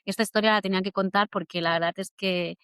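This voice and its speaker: A woman's voice: medium pitch, fast, clear, resonant tone, dry recording, studio quality. Chatty woman host. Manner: chatty, animated storyteller. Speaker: podcast host. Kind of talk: casual interview.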